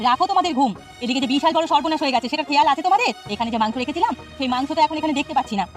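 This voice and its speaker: A woman's voice: high-pitched, lively intonation, very fast, faint music behind. A woman voicing a fretful, scolding village housewife in a cartoon.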